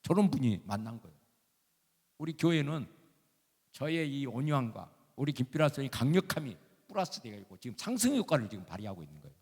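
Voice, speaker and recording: A man's voice: medium pitch, big pitch swings, fast, darkish tone, slightly rough. An older male emeritus pastor, preaching a sermon in a folksy, emphatic way and firing off rhetorical questions, recorded in a church sanctuary. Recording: long church hall reverb.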